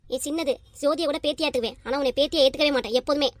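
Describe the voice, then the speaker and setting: A woman voicing a stubborn, quarrelsome old grandmother in a cartoon family comedy, scolding in a sharp, rapid-fire way. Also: high-pitched, dry recording, close to an everyday voice. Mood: scornful.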